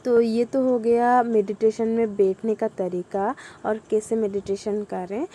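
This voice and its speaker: Young woman with a slightly high voice, explaining meditation patiently in a casual tutorial. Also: flat delivery, measured pace, dark tone. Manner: patient, repeats points with frequent fillers. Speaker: meditation instructor.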